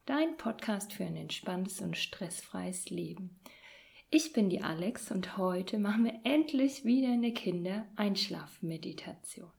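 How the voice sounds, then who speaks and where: A woman hosting a podcast and gently guiding a children's sleep meditation in a soft, whispery voice. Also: mid-range voice, lively intonation, creaky. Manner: soft slow whispered guidance. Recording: meditation music and singing bowls behind.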